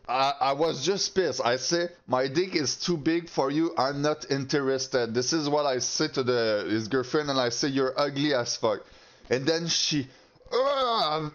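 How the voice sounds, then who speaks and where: Heated, profane man ranting. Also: mid-range voice. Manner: heated, profane, halting with restarts. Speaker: channel host. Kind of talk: casual rant to camera. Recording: slightly dull lo-fi audio.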